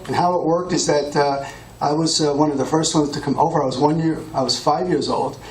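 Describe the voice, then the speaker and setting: A man's voice: on the high side, fairly even intonation, fairly quick, slight background noise. Echoey middle-aged man candidate. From Austria. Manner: storytelling, with fillers. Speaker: political candidate. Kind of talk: campaign speech. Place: meeting room. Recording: echoey room from far off.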